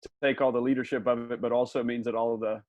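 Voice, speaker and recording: A man's voice: medium pitch, flat delivery, fast talker, a little mellow, no room sound, lo-fi sound. A man from Memphis, a pastor and mission director, speaking as a guest with wry, hesitant humor. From Memphis, Tennessee. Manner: wry, self-deprecating, hesitant with fillers. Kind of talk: casual podcast interview.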